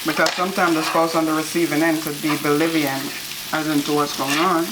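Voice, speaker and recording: A woman's voice: sits low, little pitch movement, brisk, very noisy. A woman co-hosting a food vlog, chatting casually while she cooks. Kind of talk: casual chat while cooking. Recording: loud sizzling food close by. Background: frying and sizzling on a grill.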